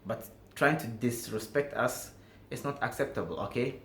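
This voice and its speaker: A man's voice: mid-range voice, animated, normal speed. A man from Ghana with a Ghanaian accent, speaking emphatically and directly to viewers in a talking-to-camera vlog. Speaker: vlogger. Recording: echoey room with faint background noise.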